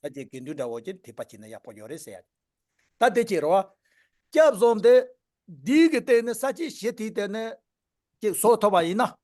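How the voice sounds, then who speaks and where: A man teaching a Buddhist dharma class, reading and explaining a text in measured phrases. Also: sits high, sing-song, mellow.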